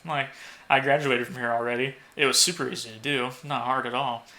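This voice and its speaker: A young man co-hosting a podcast, telling rambling stories full of swearing and loudly acted-out quotes. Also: mid-range voice, fairly even intonation, brisk. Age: young adult. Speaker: podcast co-host. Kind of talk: casual podcast chat.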